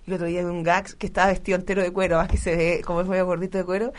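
A man's voice: high-pitched, flat delivery, racing. A man hosting a casual talk show, telling stories in a loose, rambling way. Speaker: show host. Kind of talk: casual chat.

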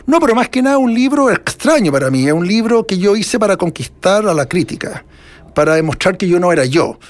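High-voiced rambling Chilean man. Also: big pitch swings, brisk. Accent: Chilean Spanish. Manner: rambling, many restarts and fillers, reflective. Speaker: author being interviewed. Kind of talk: casual interview conversation.

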